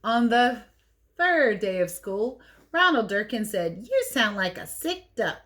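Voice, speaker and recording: A fairly high, sing-song voice, slow and a bit bright, belongs to a woman teacher reading a picture book to kids. She narrates expressively and adds playful, chatty remarks about the pictures, an animated read-aloud with casual asides.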